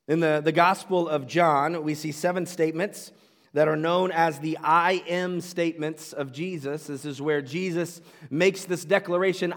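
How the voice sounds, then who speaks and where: A man preaching from the pulpit, with a voice sitting a little high for a man. He talks earnestly, stumbles into restarts and repeats, then swells into loud, emphatic declarations. His voice carries a long reverb, as if filling a big sanctuary. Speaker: pastor. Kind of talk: sermon.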